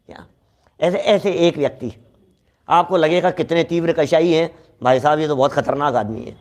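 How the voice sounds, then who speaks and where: Speaking at a moderate pace, a high-voiced man gives a lively, chatty sermon on Jain scripture, talking straight to his audience and echoing important lines. He occasionally performs quoted exchanges from daily life as illustration.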